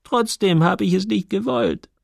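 Teen girl voice done by a guy, high and pleading, gravelly edge, dry close sound. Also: a little slow, no echo, heavily acted. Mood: remorseful. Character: teenage girl, tearful and defiant.

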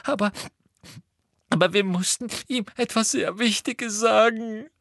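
For this audiobook voice, a whiny, stammering schoolgirl in tears is performed in a mid-range register lifted above the performer's natural pitch. Delivery is unhurried, pushed and bright, and the studio-quality recording is dry.

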